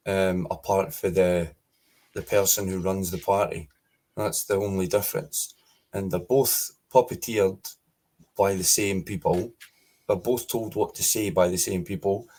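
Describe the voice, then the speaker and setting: As a podcast guest in a political interview, a Scottish man speaks forcefully, hammering home his points by repeating them. His voice is deep, and the audio quality is poor.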